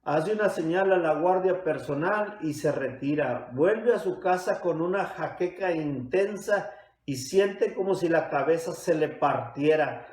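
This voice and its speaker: A male pastor preaching a sermon, retelling a Bible story with dramatic pauses, in a church. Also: fairly high pitch. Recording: echoey church sanctuary.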